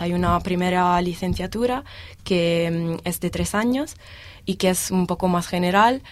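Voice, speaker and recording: A young woman in her twenties from Italy, speaking Spanish as a second language with an Italian accent, answering interview questions with pauses while she searches for words. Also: on the low side. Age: 20s. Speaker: guest, exchange student.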